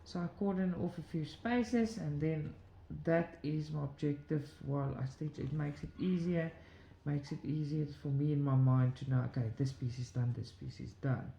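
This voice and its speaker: A woman's voice: deep voice, fairly even intonation, moderate pace, vocal fry, dark tone. A woman hosting a cross-stitch channel from her home, chatting casually while she stitches, rambling through asides and laughing often. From South Africa. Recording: roomy echo, faint background noise.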